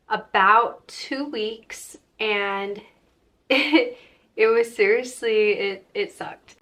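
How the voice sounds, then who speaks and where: A young woman who vlogs and hosts about crochet chats casually and informally with her viewers. Her voice is medium in pitch with a fairly bright tone.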